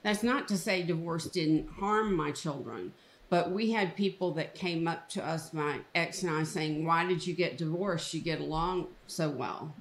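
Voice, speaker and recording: A woman divorce coach hosting a podcast interview, supportive and quick with short affirmations. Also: deep voice, reverberant.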